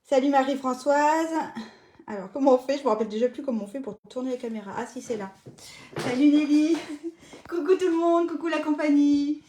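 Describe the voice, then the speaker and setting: A woman's voice: sits high, a little fast, mellow, slight background noise. A middle-aged woman from western France hosting a live paper craft tutorial from home, chatty and playful, with many hesitations. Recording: echoey room.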